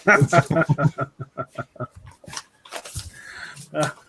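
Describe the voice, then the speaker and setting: A man's voice: a little high, drawn-out words, bright, forceful tone, a little hiss or hum. A man hosting a podcast in casual chat, joking, rambling and poking fun at himself. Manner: joking, rambling, self-mocking. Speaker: podcast host.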